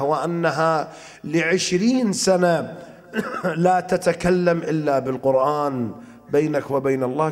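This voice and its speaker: Measured preacher, man with a slightly high voice. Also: big-room sound. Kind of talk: religious lecture with storytelling and recited verse.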